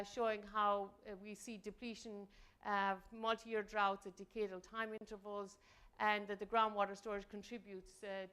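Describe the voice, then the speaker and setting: Smooth-voiced hesitant woman presenter. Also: medium pitch, fairly bright tone. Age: middle-aged. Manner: hesitant, many fillers. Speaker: invited speaker. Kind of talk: academic presentation.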